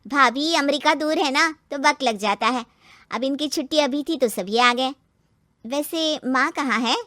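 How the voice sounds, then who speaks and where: A woman voicing a brisk married sister-in-law in a cartoon story, blunt and needling in manner. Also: sits high, sharp tone, no room sound, clean studio sound. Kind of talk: cartoon story character acting.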